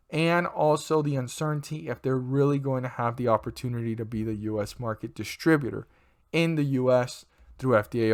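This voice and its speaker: A man at an ordinary medium pitch talks viewers through a stock chart. His delivery is steady and explanatory, and he keeps addressing investors directly. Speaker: stock market video host. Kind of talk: scripted stock chart commentary.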